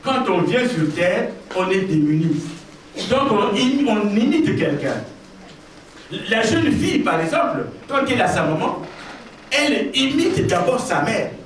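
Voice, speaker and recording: Speaking a little slowly, a male pastor gives an emphatic sermon in a church hall, his high voice animated and ranging widely as he repeats key lines and calls directly to the congregation. The recording is distant and full of echo, with a faint hiss.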